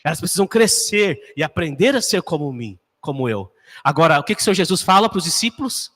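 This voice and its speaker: Male pastor, 30s, high voice, preaching casually, long hall reverb. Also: very animated, fairly quick, fairly bright tone. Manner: conversational preaching, frequent rhetorical questions. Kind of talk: sermon. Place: church.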